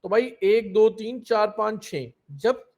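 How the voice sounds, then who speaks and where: A man's voice: high voice, expressive, slow pace, a little mellow. A young man teaching a live online coding class, explaining step by step and keeping on asking his students if they understood.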